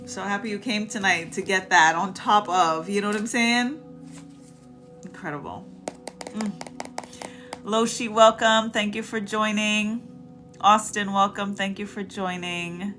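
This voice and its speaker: A woman hosting a live-stream card reading, calling on viewers by name and giving soft, affirming spiritual messages. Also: medium pitch.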